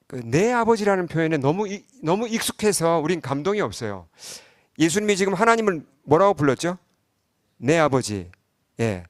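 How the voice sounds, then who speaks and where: Middle-aged male pastor, conversational sermon delivery, higher-pitched voice, dry close recording. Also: a bit bright, dry recording. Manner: conversational preaching with frequent rhetorical questions to the congregation.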